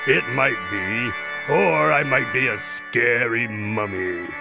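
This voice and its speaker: A man's voice: mid-range voice, slow pace, creaky, music in the background. A man acting as Dr. Watson, a wry, exasperated companion and storyteller bantering in a radio drama. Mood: playful storytelling.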